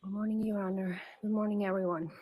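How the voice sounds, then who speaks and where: A woman in a courtroom recording, reading a prepared impact statement at the witness stand in a measured, solemn way. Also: mid-range voice, little pitch movement, dark tone, poor audio. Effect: courtroom audio feed played on a livestream. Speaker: victim's sister giving an impact statement.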